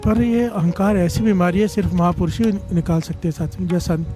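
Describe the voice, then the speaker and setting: A man preaching a devotional storytelling sermon to a congregation, exhorting them to call and respond and rising in pitch as he urges them on. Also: brisk, soft background music. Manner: animated, rises in pitch on exhortations. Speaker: Sikh katha preacher. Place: religious gathering before a congregation.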